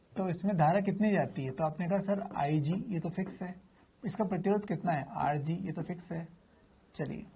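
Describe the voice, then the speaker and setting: A man's voice: on the high side, a little mellow, breathy edge. A man teaching physics in a chatty, informal lecture, asking questions and answering them himself. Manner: addresses students familiarly, slips in slang.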